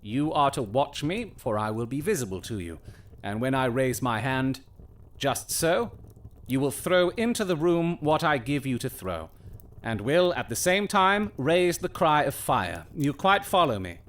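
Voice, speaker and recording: An actor playing Sherlock Holmes as a shrewd, confident gentleman detective, precise and theatrical in an audio drama. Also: mid-range voice, very animated, a little slow. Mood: commanding, precise. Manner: precise, instructing, theatrical delivery.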